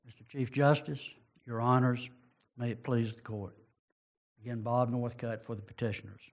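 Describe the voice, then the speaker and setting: A man delivers a formal legal argument in measured, deliberate phrases. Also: medium pitch, little pitch movement. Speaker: lawyer arguing for petitioners.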